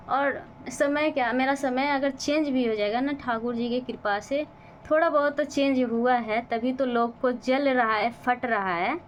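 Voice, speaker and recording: A young woman with a slightly high voice vents in a casual personal vlog, bitter and defiant in her frustration with her family. The audio is poor, with a little hiss or hum.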